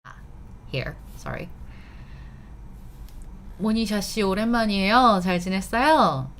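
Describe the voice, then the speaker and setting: Racing through a live online language lesson, a Korean-accented woman from Korea chats with her students, checks in on them often, and shifts between English and Korean. Her mid-range voice is sing-song, with slight background noise in the recording.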